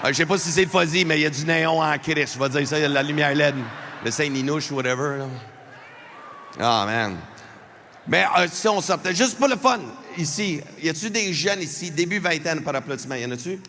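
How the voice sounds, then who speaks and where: A man's voice: a little high, fairly quick. Man doing stand-up in an arena. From Alberta, Canada. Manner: animated, talks to the crowd, mixes French and English. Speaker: stand-up comedian. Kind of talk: live stand-up comedy. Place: large arena before a live crowd. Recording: long arena reverb, faint crowd noise.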